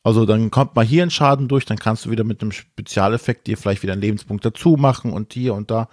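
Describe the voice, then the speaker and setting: Measured man with a dry sound. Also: lowish voice, a little mellow, no echo. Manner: hesitant, measured critique. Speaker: board game podcast co-host. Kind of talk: casual game review chat.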